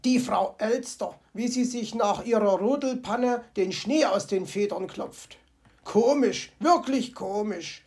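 A woman's voice: a little high, darkish tone, pitched above the performer's own voice. A woman voicing a cheerful, fussy male fox from a children's storybook who chatters to himself with comic grumbling. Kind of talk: storybook character voice.

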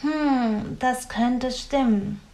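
A woman's voice: on the high side, voice pushed up. Woman doing Grünäuglein, a perky cheerful girl. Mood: amused, playful. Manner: bright, playful, quick to laugh. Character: cheerful curious young female helper.

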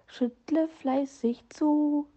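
A little bird chick chants fairy-tale lines in a high, slow singsong, as a woman reading a storybook puts him on. Its voice comes out soft and mellow. The recording sounds dull and lo-fi. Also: fairly even intonation.

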